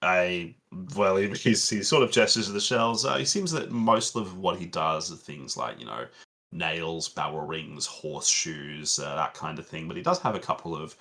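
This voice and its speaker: Game master, man, very low voice, relaxed and meandering, fills pauses with ums. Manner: relaxed, meandering, many fillers. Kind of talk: narrating a tabletop game.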